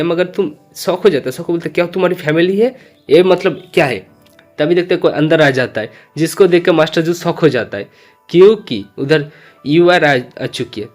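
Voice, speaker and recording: A man's voice: mid-range voice, a little mellow. A man narrating a comic recap in a loose, slangy conversational way, speaking every character's lines himself. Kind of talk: casual storytelling recap, voicing all characters himself.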